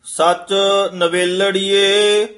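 Slow, chanting man reciting scripture. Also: high-pitched, little pitch movement, fairly bright tone. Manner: slow, measured, sung-through reading.

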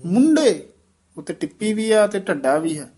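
A man teaching the careful recitation of scripture. He reads each line in a measured way, then explains where to pause and how to pronounce words. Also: high-pitched, expressive, a little mellow.

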